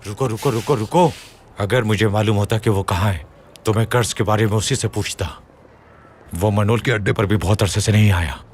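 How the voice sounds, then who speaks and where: Dubbed series: pushy gambler, played by a man, fairly deep, shouting and insistent. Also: moderate pace, a little hiss or hum, lightly acted.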